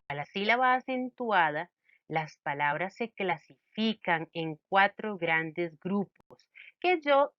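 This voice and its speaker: A woman's voice: lowish voice, dry recording. A woman teaching a grammar lesson, talking to her students with playful rhetorical questions. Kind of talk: explaining grammar in a recorded lesson. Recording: muffled, dry recording.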